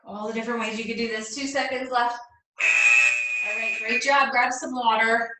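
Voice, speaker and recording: Female gym coach, bright, forceful voice, leading circuits from off mic in a very echoey room. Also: a little high, fairly even intonation, normal speed. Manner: gym coach cueing and encouraging. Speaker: fitness instructor leading a circuit workout. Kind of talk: live workout class coaching. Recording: echoey room, distant mic, faint noise.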